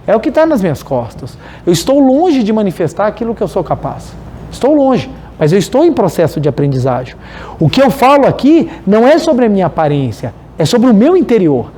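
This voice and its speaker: Animated Brazilian man giving a spiritual talk. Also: high-pitched, fairly quick, a little hiss or hum. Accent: Brazilian Portuguese. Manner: animated, storytelling, addresses the audience directly. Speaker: spiritual lecturer. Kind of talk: religious study talk.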